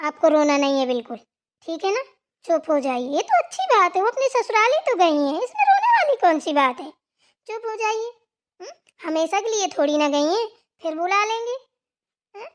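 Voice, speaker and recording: A woman voicing a young daughter-in-law who talks politely and soothes her mother-in-law in a cartoon. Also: extremely high pitch. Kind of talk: cartoon voice acting.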